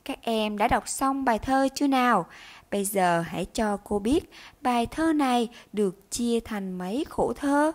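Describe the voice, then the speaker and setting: A young woman teacher with a fairly high voice leads a children's reading lesson. She speaks slowly and deliberately, spelling out sounds with care. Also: expressive. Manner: slow, careful enunciation of words and syllables. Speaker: primary school teacher.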